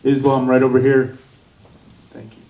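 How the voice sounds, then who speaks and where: A male reporter poses questions at a press interview. His voice is medium in pitch and sits away from the microphone. The room adds noticeable echo. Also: little pitch movement, moderate pace, dark tone. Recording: roomy echo, distant from mic.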